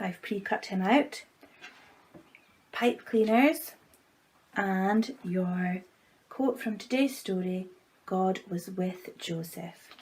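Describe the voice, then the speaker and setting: A woman's voice: medium pitch, a little mellow, rough recording. A woman giving a step-by-step craft tutorial, talking simply and in a friendly way to children. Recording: faint background noise.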